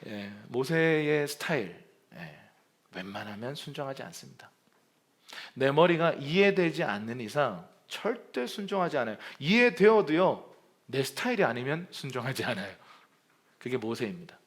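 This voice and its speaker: Lively Korean pastor acting out scripture. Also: male voice, mid-range voice, moderate pace. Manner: animated, acts out dialogue in voices. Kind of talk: sermon.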